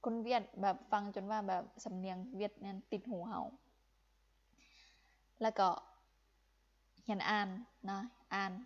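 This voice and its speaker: A woman's voice: medium pitch, little pitch movement, a little slow, pauses often, highs cut off. A young woman from Laos teaching Vietnamese in a live-streamed lesson, encouraging and repeating phrases for emphasis.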